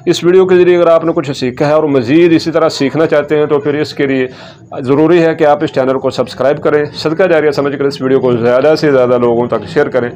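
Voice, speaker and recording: A man's voice: fairly high pitch, steady tone, a little mellow, a little hiss or hum. Patient man teaching letter sounds. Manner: patient, repeats sounds slowly and contrasts right and wrong. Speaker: Quran reading teacher. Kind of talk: slow step-by-step lesson.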